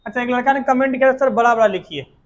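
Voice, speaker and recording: Man, high voice, slow call-and-response classroom drilling, muffled lo-fi audio. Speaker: teacher. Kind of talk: classroom lecture.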